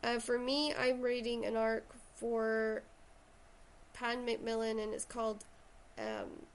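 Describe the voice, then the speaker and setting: A woman's voice: fairly high pitch, lively intonation, takes it slowly, a little hiss or hum. A woman with a Shetland accent chatting casually and enthusiastically about books as a host. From Shetland, Scotland. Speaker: podcast host and writer. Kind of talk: casual book chat.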